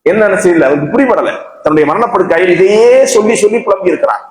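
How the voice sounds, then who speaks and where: Animated preacher with a Tamil Nadu accent. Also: male voice, sits high, fast talker. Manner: repetitive storytelling, rising to emphatic peaks. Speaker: mosque preacher. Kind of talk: Friday sermon. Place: mosque. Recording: echoey mosque hall.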